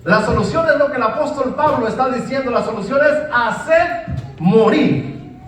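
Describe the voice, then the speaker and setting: High-voiced preacher in echoey church. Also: male voice, lively intonation, moderate pace. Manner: emphatic, repeats words and says amen often. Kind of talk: sermon. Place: church hall. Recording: very echoey church hall, mic at a distance.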